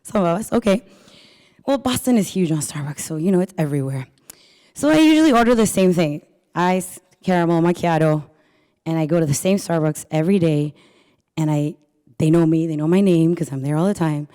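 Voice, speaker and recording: A woman from Peru gives a live workshop talk in a low, warm, relaxed voice. She tells stories in a chatty way and keeps asking the crowd questions. The sound carries a long reverb from the hall. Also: brisk. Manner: chatty storytelling, polls the audience with questions. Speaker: workshop presenter. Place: event room with a live audience.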